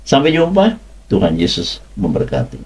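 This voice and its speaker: Husky, animated male preacher. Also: moderate pace, low-quality recording. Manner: animated, swinging between loud high exclamations and low quiet asides. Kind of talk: sermon for an online channel.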